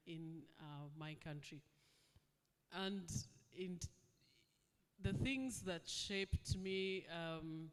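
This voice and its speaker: A woman from Uganda, answering as the guest at a fireside chat, measured and reflective with frequent pauses. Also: low voice, clean tone, big-room sound. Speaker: guest speaker. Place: event hall.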